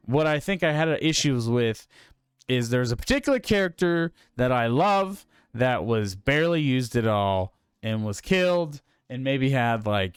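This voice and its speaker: A man's voice: mid-range voice, clean tone, no room sound, studio quality. A man co-hosting a film podcast, talking casually and rambling with lots of fillers and restarts. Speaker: podcast co-host.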